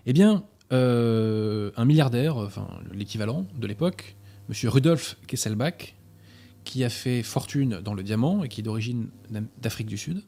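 A man hosting a talk, presenting novels and reading passages aloud in a measured, sometimes hesitant way. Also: medium pitch, animated, dark tone. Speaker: host presenting books. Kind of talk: book presentation and read-aloud.

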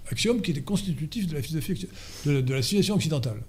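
Guy giving a talk n taking questions, kinda high but mellow voice, lots of uh and restarts, very emphatic. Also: expressive, racing, breathy edge. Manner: hesitant, many fillers and restarts, emphatic lecturing. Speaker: lecturer at a conference. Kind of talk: lecture and audience Q&A.

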